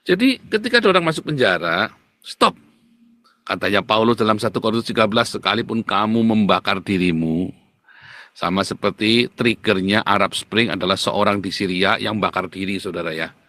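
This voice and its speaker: A man preaching a sermon in an animated, boastful and scolding way. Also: lowish voice, moderate pace, no room sound. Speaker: pastor.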